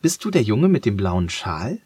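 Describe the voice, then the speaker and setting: A man's voice: lowish voice, sing-song, moderate pace, darkish tone, breathy edge, no room sound. A man voicing a spirited, curious little girl who speaks in an indignant, insistent way in a storybook reading.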